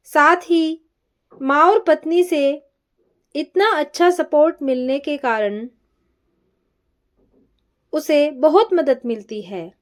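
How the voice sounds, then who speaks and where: Slow, high-voiced woman storyteller. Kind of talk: scripted story narration.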